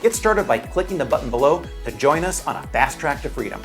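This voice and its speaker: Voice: mid-range voice, sing-song, a little fast, fairly bright tone, faint music behind. A narrator reading a scripted promotional voice-over, reassuring and answering doubts. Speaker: sales pitch narrator.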